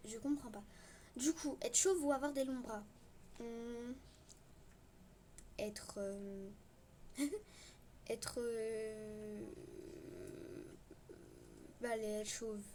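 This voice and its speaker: A woman's voice: fairly high pitch, noisy background. Chatty young French-speaking gamer woman. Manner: chatty, rambling, self-mocking. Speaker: gaming youtuber. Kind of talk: casual gameplay commentary.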